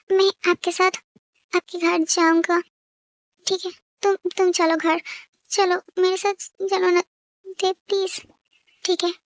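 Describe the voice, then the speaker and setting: A woman's voice: very high voice, no echo. Woman doing a tearful, wounded young spouse. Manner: pleading, tearful protests.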